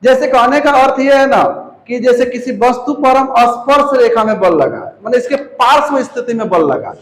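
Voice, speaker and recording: A man's voice: very high voice, expressive, normal speed. A man teaching a physics class in with a touch, who keeps repeating key terms and quizzing students with questions. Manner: calls students "babu". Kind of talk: classroom lecture. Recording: echoey room.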